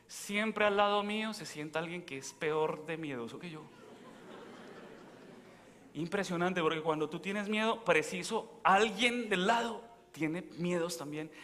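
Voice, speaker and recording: Male priest, chatty storytelling sermon, bright voice, echoing church reverb. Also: on the high side. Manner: anecdotal and conversational, asks the congregation questions. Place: large church.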